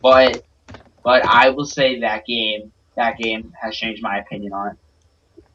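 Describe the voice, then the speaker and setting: A man's voice: lowish voice, steady tone, takes it slowly, a bit bright. Young man from Germany, distant lo-fi mic. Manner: eager, repeats words when starting. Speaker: podcast co-host. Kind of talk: casual chat. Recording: distant lo-fi mic with faint hiss.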